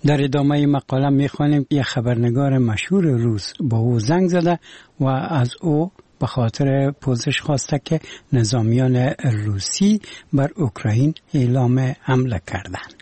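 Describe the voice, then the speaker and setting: A man's voice: medium pitch, dark tone, slightly rough, no echo. A man with an Afghan accent reading scripted news as a radio presenter.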